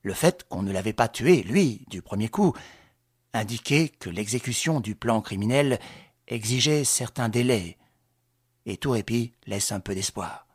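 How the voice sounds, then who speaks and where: A male audiobook narrator with a husky, breathy voice, reading in a measured, dramatic storytelling manner. His pitch moves expressively through the sentences, and he is recorded close and dry with no room echo. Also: animated, darkish tone. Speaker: audiobook reader. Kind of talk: scripted narration.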